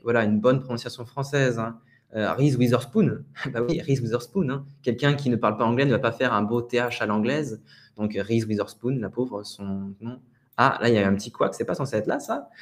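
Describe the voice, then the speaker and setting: A man teaching a live webinar lesson, relaxed and chatty, often laughing. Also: medium pitch. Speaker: French teacher.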